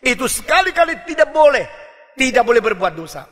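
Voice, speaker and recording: A man preaching a sermon with emphatic, forceful delivery, punching key words up to shouts in his English phrases. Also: very high-pitched, sing-song, a little fast. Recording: long reverb of a large hall.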